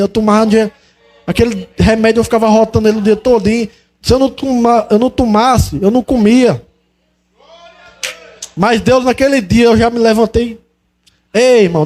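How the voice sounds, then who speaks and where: Young man, high mellow voice, fervent and emotional testimony speaker. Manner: fervent, exclaims praise often. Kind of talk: religious testimony.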